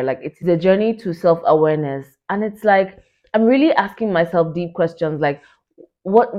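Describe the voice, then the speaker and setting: A young woman in her late twenties hosts a solo podcast with excited, chatty energy. She pitches her voice fairly low and scatters "like" and "you know" through her talk. The recording sounds dull and lo-fi. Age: 20s. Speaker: podcast host.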